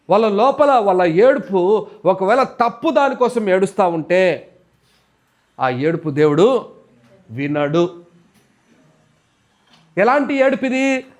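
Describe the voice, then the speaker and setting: A man preaching a sermon, asking rhetorical questions and acting out people's complaints. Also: sits high. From India. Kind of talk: Telugu sermon.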